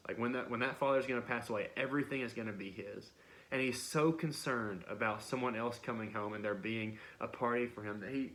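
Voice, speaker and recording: A man's voice: mid-range voice, a bit bright. A young man preaching a casual, conversational sermon, often restarting and repeating words as he talks it through.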